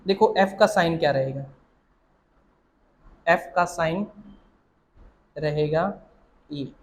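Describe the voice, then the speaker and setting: Man, shorthand teacher, slow deliberate delivery, patient, repeats and quizzes. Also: a little high, poor audio. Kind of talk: step-by-step classroom explanation.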